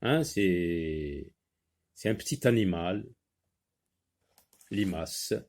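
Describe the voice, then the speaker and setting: A man teaching an early reading lesson. He stretches words out slowly, repeats them, and asks himself questions as he works through examples for young learners. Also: low-pitched, lively intonation, darkish tone.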